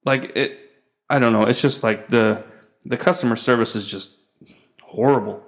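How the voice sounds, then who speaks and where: A man's voice: medium pitch, steady tone, brisk. A man, the show's host, tells a rambling and profane story in a casual, exasperated rant.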